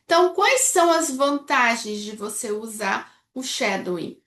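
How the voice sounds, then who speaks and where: A woman's voice: a little high, lively intonation, measured pace, fairly bright tone. A woman from Brazil, an English teacher, explaining a speaking technique step by step and checking in often with her students. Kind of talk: instructional video lesson. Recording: echoey room.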